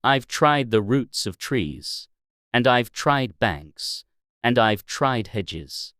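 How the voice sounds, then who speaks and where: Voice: animated, slow pace, a bit bright, smooth, no room sound, studio quality. A narrator voicing an indignant, fretful mother pigeon who scolds with contempt in a storybook reading. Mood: sobbing complaint. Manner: scolding, shrill exclamations, contemptuous.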